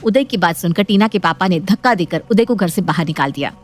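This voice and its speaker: A woman narrating a scripted bedtime storybook in an even storytelling manner. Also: on the low side, a little fast.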